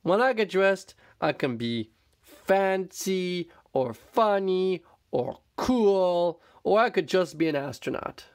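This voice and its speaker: A man's voice: sits high, animated, takes it slowly, pitched above the performer's own voice, full character voice. A man voicing an eager little male mole rat who loves clothes, in a storybook reading.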